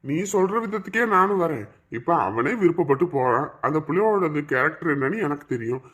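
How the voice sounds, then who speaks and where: A man's voice: fairly high pitch, expressive, brisk, a bit bright, highs cut off. A man playing a curt, stubborn father. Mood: dismissive. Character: stubborn father defending an arranged marriage.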